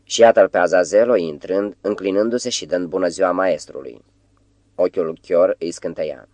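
Audiobook narrator, male, deep voice, measured delivery, dry close recording. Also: a little mellow, dry recording. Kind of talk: scripted narration.

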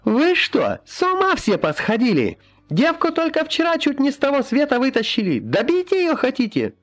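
A man doing a shrill scolding girl healer. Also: wildly swooping pitch, moderate pace, soft background music, heavily acted. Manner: loud, brash, scolding.

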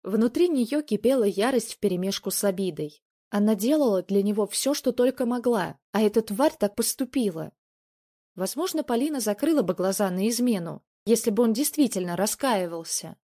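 A woman narrating a dramatic relationship story in a measured reading voice. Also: mid-range voice, expressive, mellow.

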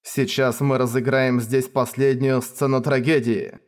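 A man voicing a cold, murderous male sorcerer who speaks slowly and calmly, with quiet mockery. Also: mid-range voice, natural voice. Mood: menacing. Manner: slow, calm, mocking.

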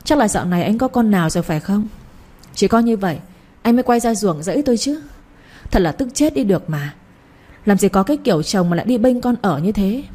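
A woman's voice: expressive, fast talker, mellow, natural voice. A woman voicing a jealous, quarrelsome young wife who accuses her husband in a read-aloud story. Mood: furious. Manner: shrill, accusing.

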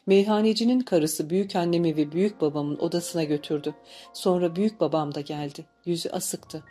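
A woman reading a novel aloud as an audiobook narrator, in calm, measured storytelling. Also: on the low side, soft background music. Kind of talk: scripted narration.

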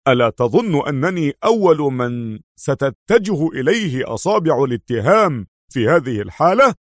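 A jittery crooked police inspector, as a narrator puts him on, higher and tenser than the storyteller's own voice. He pleads and frets in a dry, close recording. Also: animated, normal speed, darkish tone, no echo, lightly acted. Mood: agitated. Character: nervous greedy male corrupt police inspector.

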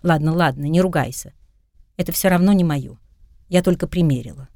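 A woman's voice: deep voice, brisk, no room sound, studio quality. A woman voicing a witty, mischievous young woman in an audiobook. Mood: playful. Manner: lively, wry, chatting to her cat.

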